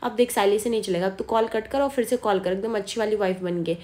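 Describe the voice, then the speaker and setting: A woman's voice: mid-range voice, fast, a little mellow, natural voice. A teasing young husband, as a woman reads him. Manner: teasing, chatty banter.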